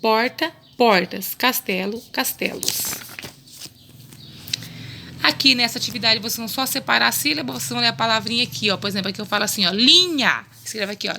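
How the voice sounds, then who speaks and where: A woman with a Brazilian accent talks young pupils through a remote lesson in a bright, slightly gravelly voice. She is patient and coaxing, drawing each word out slowly and repeating it. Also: fairly high pitch, a little hiss or hum. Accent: Brazilian Portuguese. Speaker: primary school teacher.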